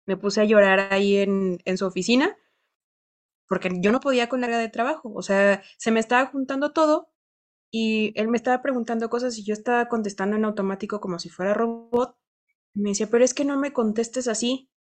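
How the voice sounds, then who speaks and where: A young woman with a Mexican Spanish accent talks casually as a podcast co-host. She tells stories with lots of life, often acting out the voices of people she quotes. Her voice sits on the higher side. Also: fairly quick. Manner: animated storytelling, acting out quoted dialogue.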